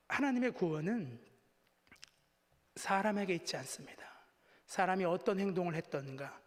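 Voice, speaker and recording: A man with a slightly high voice preaches a Sunday sermon from a church sanctuary, and his words ring out with a long hall reverb. He talks in a conversational, self-deprecating way, weaving a personal story into the message. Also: fairly bright tone. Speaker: pastor.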